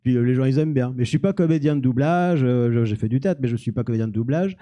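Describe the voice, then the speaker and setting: Guy rambling on stage at a live q&a, really dark mellow tone, jokes at himself. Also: mid-range voice, fast. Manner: self-mocking, rambling, many restarts. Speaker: youtuber guest. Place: small cinema-café venue with audience.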